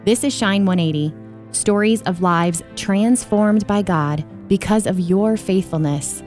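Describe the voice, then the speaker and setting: Earnest woman narrating over soft music. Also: medium pitch, unhurried. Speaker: radio ministry host. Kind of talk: scripted narration.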